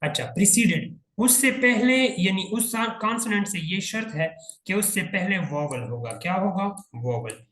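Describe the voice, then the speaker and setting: Male grammar teacher, slow and methodical, spells words out and checks understanding; recorded in a roomy, echoing space. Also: high voice, lively intonation, fairly bright tone. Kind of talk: classroom grammar lesson.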